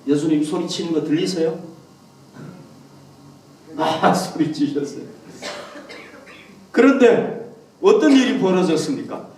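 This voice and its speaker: A male pastor preaching a lively sermon to his congregation and acting out quoted lines with a rising voice, recorded at a distance in a church hall. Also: on the high side, unhurried, long pauses.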